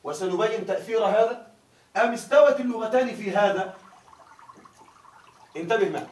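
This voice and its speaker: High-voiced man lecturing a class. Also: brisk, darkish tone. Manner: keeps asking students if they follow. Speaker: grammar teacher. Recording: echoey room, voice from far off.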